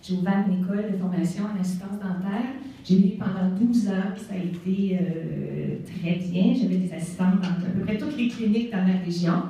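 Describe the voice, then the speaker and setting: A woman's voice: mid-range voice, normal speed, few pauses. A woman in her forties from Canada with a Québécois accent, telling her own story to an audience in a chatty way, with many fillers. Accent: Québécois French. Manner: warm, conversational storytelling with fillers. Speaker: guest speaker. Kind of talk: personal testimony speech. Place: event hall. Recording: echoey hall, mic far off.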